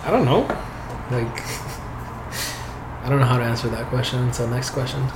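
A young software developer, relaxed and a guest in a casual interview chat, rambles loosely with lots of fillers and easy laughter. English is not his first language, his pitch is middling, and he speaks a little slowly. The room echoes and a steady hiss sits in the background.

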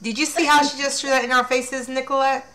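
A woman's voice: high voice, flat delivery, fairly quick, over a noisy crowd. A woman co-hosting a casual live online chat, teasing and gushing in turns. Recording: noisy line with clicks.

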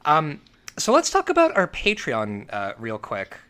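A man's voice: a little high, wildly swooping pitch, measured pace, sharp tone, clear, resonant tone. A man co-hosting a podcast who tells rambling stories in casual chat, full of fillers and restarts. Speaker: podcast co-host.

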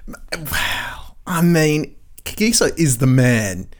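A man's voice: a little high, expressive, slow. A man co-hosting a casual sports chat, talking in a laid-back, slangy, matey way. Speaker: sports podcast co-host.

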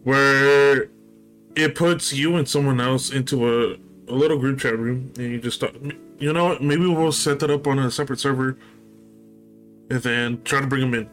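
A young man chatting casually as podcast co-host. He rambles and restarts, swears freely, and keeps trailing off with "I don't know." Faint music plays softly behind him. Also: mid-range voice, steady tone, normal speed. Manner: rambling, hesitant, swears often. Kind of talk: casual chat.

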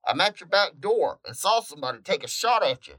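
A man's voice: a little high, sing-song, a little fast, a bit bright, breathy edge, pitched above the performer's own voice, heavily acted. A man voicing a male trucker calling out urgently over his CB radio, in a raised voice well above his own.

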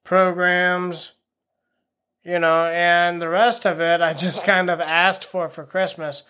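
Podcast host, male, high-pitched, chatty and self-deprecating solo monologue. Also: level tone, slow pace, bright, forceful tone, clear, resonant tone. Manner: rambling, self-deprecating, frank. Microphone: home podcast microphone.

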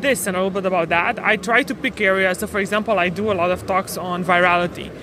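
A woman's voice: medium pitch, fairly even intonation, quick pace. A woman in her thirties from Romania, a startup co-founder explaining her work in a matter-of-fact way as a podcast guest. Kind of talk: podcast interview. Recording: noisy street ambience behind.

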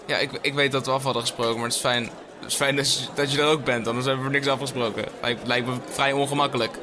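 A man's voice: medium pitch, flat delivery, fast, a crowd in the background. A tired man hosting a comedic solo podcast, rambling with stammered restarts and frequent swearing, into a podcast microphone. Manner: rambling, self-interrupting, swears often. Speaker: podcast host.

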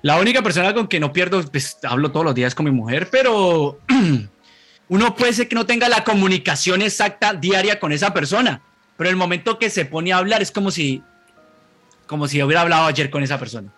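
A man's voice: sits high, expressive, fairly quick, fairly bright tone, soft background music. A Colombian man in his thirties, co-hosting a podcast in casual, rambling chat, swearing freely. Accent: Colombian Spanish.

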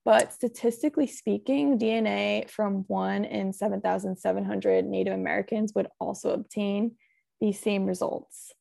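A woman's voice: medium pitch, steady tone, moderate pace, vocal fry, dark tone. A young woman podcast host telling a true-crime case in a chatty, casual way, full of "like" and "um". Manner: chatty, full of "like" and "um", laughs often.

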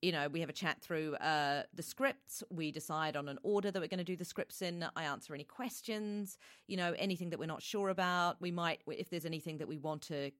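A woman's voice: deep voice, fairly quick, hardly any pauses, fairly bright tone, dry recording, studio quality. A woman giving earnest, explanatory answers in a conversational interview. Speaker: voice reel producer and director, guest.

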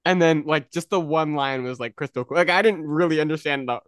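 A young man co-hosting a podcast in casual chat, telling stories in an animated way and laughing often. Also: on the high side, brisk, clean tone, no room sound, clean studio sound. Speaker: podcast co-host.

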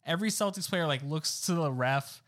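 A young man co-hosting a casual sports podcast, excitable and leaning on "like" as he talks. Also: a little high, moderate pace. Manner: excitable, fills talk with "like". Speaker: podcast co-host.

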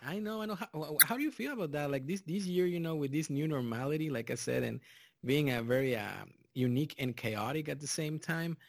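A man's voice: on the high side, creaky. A man from Mexico with a Mexican Spanish accent, hosting a board game podcast in casual chat, rambling with fillers and restarts. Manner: loud and drawn-out in the intro. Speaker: podcast host.

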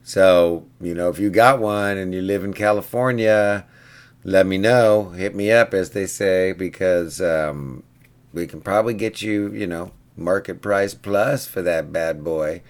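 Low-voiced man telling a rambling repair story. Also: fairly even intonation, a little slow. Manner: rambling, chatty, keeps asking "right?". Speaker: pinball machine repairer. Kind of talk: casual storytelling vlog.

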